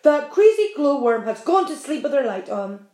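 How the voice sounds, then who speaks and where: A woman voicing a loud, quick-tempered male centipede who shouts rudely, in a storybook reading. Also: high voice, very animated, pitched above the performer's own voice. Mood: irritated. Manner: shouting, rude. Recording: roomy echo.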